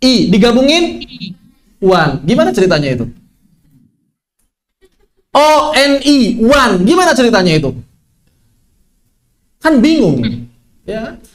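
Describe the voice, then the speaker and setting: A man teaching an online tajwid lesson, lively, asking questions and answering them himself. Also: very high voice, measured pace, long pauses. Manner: lively, asks and answers his own questions. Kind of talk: online Quran recitation lesson.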